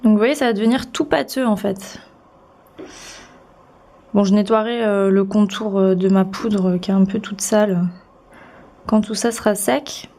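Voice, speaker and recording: A young woman doing a beauty tutorial at home has a cold and keeps sniffling, chatting bubbly and casual with many fillers. She speaks at a moderate pace with frequent pauses, in a dark-toned, mid-range voice with fairly even intonation. The recording is echoey with faint noise.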